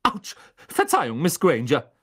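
A man voicing a stern older woman, a fierce deputy headmistress who barks sharp commands, in an audiobook reading. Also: fairly high pitch, wildly swooping pitch, measured pace, husky, voice pushed up, full character voice. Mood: flustered polite.

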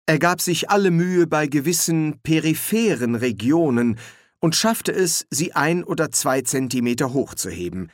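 A man reading a comic fantasy novel aloud in measured, dry storytelling. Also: on the high side, dry recording. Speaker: audiobook narrator. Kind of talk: scripted narration.

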